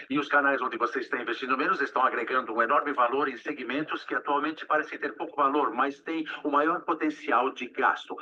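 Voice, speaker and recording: A calm, courteous older intern speaks gently and politely in a very bright, husky voice. His film audio comes through muffled and lo-fi. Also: medium pitch, recorded from a distance. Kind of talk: dubbed film dialogue.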